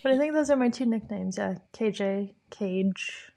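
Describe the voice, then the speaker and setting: A young woman co-hosting a casual chat with her cousin, relaxed and agreeable, laughing often. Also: medium pitch, normal speed, vocal fry. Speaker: podcast co-host.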